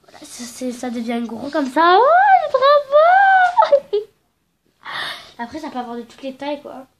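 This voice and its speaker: With an extremely high voice and huge pitch swings, a young woman talks slowly through a craft tutorial over a noisy background. The craft vlogger is congested from a cold and rambles playfully, recording on her phone at home indoors.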